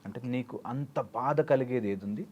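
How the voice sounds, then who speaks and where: A man's voice: medium pitch, normal speed, a little mellow, muffled recording. A man speaking as a life coach in an interview, explaining through everyday examples and mixing in English phrases. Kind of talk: interview answers.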